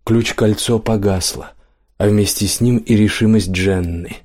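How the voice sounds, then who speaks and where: A man narrating a fantasy audiobook in a steady, even storytelling voice. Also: on the low side, unhurried.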